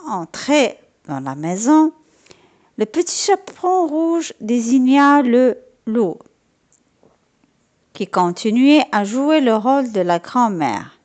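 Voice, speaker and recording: A woman reads a children's fairy tale aloud at an unhurried pace. Her fairly high voice rises and falls widely, with a sing-song storytelling lilt. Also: a little mellow.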